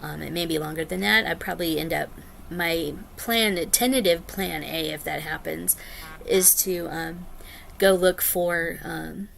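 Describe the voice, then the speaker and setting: A woman's voice: on the low side, measured pace, creaky, a bit bright, slight background noise. A woman in her forties chatting casually to her vlog viewers, rambling with lots of ums and sounding tired. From United States. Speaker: flosstube vlogger. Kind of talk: casual chat to camera.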